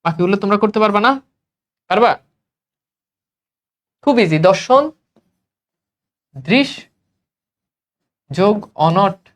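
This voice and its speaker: A man's voice: sits high, animated, slow pace, pauses often, fairly bright tone. A male teacher from Bangladesh giving an exam-prep grammar lesson, asking questions and answering them himself in a repetitive drill.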